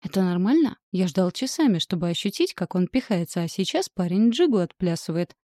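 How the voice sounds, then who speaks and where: A woman voicing a panicky, foul-mouthed husband stuck in his pregnant wife's body, yelling shrilly and grumbling. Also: fairly low pitch, sing-song, brisk, dry recording, studio quality. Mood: anxious.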